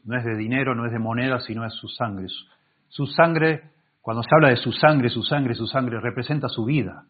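Male pastor, expository sermon, husky voice, narrow phone-like sound, restarts words as he explains. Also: mid-range voice. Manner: reads scripture aloud and explains it, with many self-corrections. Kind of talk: Bible-teaching sermon. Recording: tinny phone-like recording.

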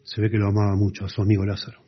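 A man preaching a sermon, explaining scripture earnestly and dropping to soft emphasis. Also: lowish voice, monotone, rapid-fire, breathy edge. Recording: dull lo-fi sound.

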